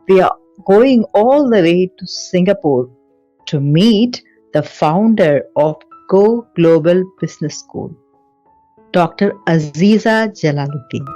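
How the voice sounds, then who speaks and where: A woman's voice: mid-range voice, dry recording. A woman hosting an interview, reacting often with small affirmations. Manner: warmly reactive, frequent small affirmations and laughs. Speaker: host.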